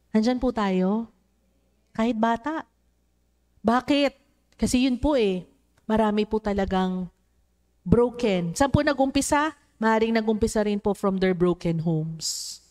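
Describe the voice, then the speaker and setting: A woman's voice: fairly high pitch, darkish tone. A woman preaching a sermon to a congregation, mixing English into her talk and acting out the voices of children in her stories. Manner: mixes English into Tagalog, addresses the congregation.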